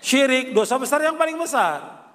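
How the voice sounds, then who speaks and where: A man's voice: extremely high pitch, lively intonation, moderate pace, a bit bright. An older man preaching a religious lecture, posing rhetorical questions and answering them himself, repeating key phrases. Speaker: Islamic preacher. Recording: reverberant hall.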